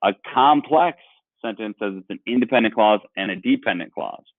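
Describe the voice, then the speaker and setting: A man's voice: on the low side, normal speed, dry recording. A male teacher leading an online grammar lesson, explaining patiently and asking the class questions. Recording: dry, phone-like sound.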